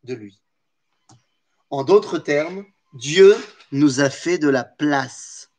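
A man's voice: a little high, extremely slow, darkish tone. A man giving a religious Torah lesson, asking rhetorical questions and answering them himself, with Hebrew terms woven into his speech. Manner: mixes Hebrew terms into French. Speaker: Torah teacher.

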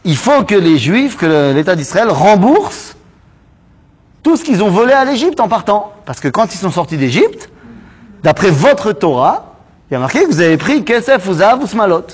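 Animated man teaching a Torah class. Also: high voice, slightly rough. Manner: animated, quick rhetorical questions, mixes in Hebrew terms. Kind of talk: lively Bible study lesson.

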